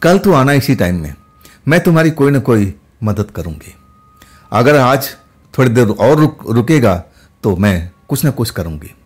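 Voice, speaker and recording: A man voicing a kind, fearless young female ghost who talks softly and familiarly. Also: mid-range voice, very animated, unhurried, breathy edge. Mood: gently familiar. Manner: soft, familiar, using intimate address.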